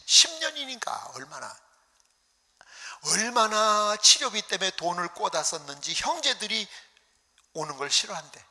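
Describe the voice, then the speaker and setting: Animated preacher in a reverberant hall. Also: male voice, fairly high pitch, husky. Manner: animated storytelling, acting out voices, dropping to whispers. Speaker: pastor. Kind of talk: revival sermon storytelling. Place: church hall.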